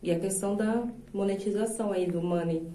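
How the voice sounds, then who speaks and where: A woman's voice: medium pitch, fairly quick, dark tone, a little hiss or hum. Woman, Brazilian accent, 30s, singer and voice teacher, reflective, roomy recording. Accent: Brazilian Portuguese. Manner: earnest and reflective, many filler tags. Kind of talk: casual interview chat. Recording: roomy sound from a distant mic.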